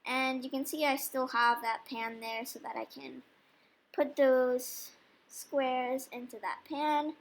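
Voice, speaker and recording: Speaking slowly with a high pitch and some vocal fry, a young woman vlogs about making dog treats. Her casual cooking voice-over is chatty and relaxed, explaining the process step by step.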